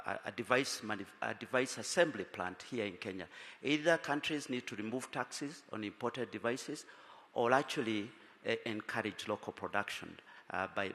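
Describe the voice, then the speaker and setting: A man's voice: lowish voice, pushed and bright. A man speaking as a panelist, businesslike, with many fillers and restarts. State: tired from little sleep. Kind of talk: panel discussion answer. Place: conference hall. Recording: reverberant conference hall.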